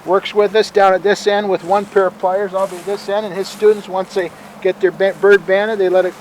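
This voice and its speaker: Male tour guide, calm museum manner, high-pitched, plain-spoken and halting, faint outdoor noise. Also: rough recording. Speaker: bird sanctuary museum guide and bird bander. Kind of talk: informal guided tour, explaining.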